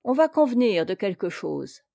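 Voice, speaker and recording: A woman's voice: medium pitch, sing-song, normal speed, vocal fry, mellow, no room sound. Brief: cunning rustic peasant, fifties, male, fake humility, read by a woman, dry sound. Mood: wheedling. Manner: rustic, evasive, wheedling. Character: sly middle-aged male peasant, falsely humble. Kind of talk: audiobook character reading.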